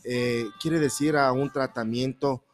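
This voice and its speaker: A man from Ecuador with a highland accent, explaining his dental services as a folksy interview guest. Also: fairly even intonation, a little slow, faint music behind. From Baños, Ecuador. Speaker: dentist guest.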